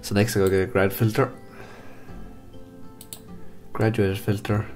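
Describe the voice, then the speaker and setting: A man with a blocked-up, nasal voice from hay fever, calmly talking through a software photo-editing tutorial step by step. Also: on the low side, unhurried, soft background music. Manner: calm step-by-step instructions. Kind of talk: screen-recorded software tutorial.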